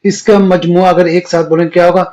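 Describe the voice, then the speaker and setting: A male Quran teacher giving a beginner lesson on the Arabic alphabet, explaining step by step and drawing out each letter slowly. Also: high-pitched, flat delivery, darkish tone. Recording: dull lo-fi recording.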